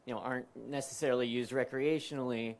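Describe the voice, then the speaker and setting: A man with a medium-pitched voice asks a policy question from the audience. He is hesitant and wordy, and there is faint background noise around him. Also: steady tone, quick pace. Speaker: audience member asking a question.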